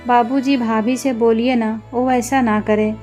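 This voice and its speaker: A woman voicing a meek young student who pleads gently with her family, with faint music behind. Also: fairly high pitch, fairly even intonation, a little slow, close to an everyday voice. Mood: pleading.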